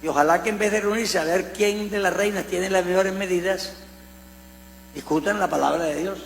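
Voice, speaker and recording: Coastal preacher, man, high gravelly voice, echoey hall with hum, animated and joking. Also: moderate pace. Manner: animated storytelling with humorous asides. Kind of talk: conversational sermon teaching.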